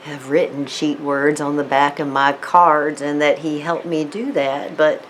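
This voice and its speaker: A woman talks to camera at an unhurried, slow pace, drifting between thoughts with fillers and restarts. Her voice sits slightly low, and she playfully slips in and out of put-on accents. A faint hiss of background noise runs under the recording. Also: little pitch movement. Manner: rambling, digressive, with many fillers and restarts. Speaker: tarot storyteller vlogger. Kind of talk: casual rambling vlog talk.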